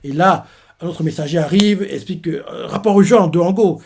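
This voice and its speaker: A man's voice: sits high, brisk, darkish tone, breathy edge. A man casually recapping a manga chapter in a rambling, loose way, leaning on filler phrases. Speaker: manga reviewer.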